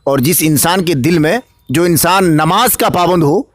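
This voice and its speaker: Bihari man, candidate, high voice, preacherly answers building to declamation, dry close sound. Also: moderate pace, dry recording. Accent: Bihari Hindi-Urdu. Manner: preacherly, rising to emphatic declamation. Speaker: election candidate. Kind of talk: political interview answers.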